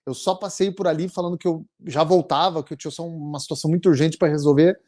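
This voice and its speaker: A man in his forties with a Brazilian Portuguese accent, telling his story as an interview guest in a halting, earnest way with many restarts. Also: on the high side, fairly even intonation, dark tone. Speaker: interviewee, immigration client. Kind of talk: emotional conversational storytelling.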